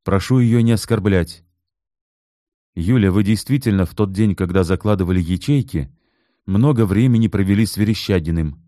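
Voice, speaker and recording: A man's voice: fairly low pitch, moderate pace, mellow, dry recording, clean studio sound, voice pushed up, close to an everyday voice. A man voicing a stern former police officer questioning people in an audiobook reading. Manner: stern, firm, threatening.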